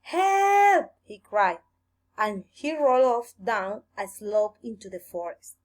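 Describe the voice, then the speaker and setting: A woman reading a fairy tale aloud for children, slow, gentle and expressive. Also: medium pitch. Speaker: storyteller.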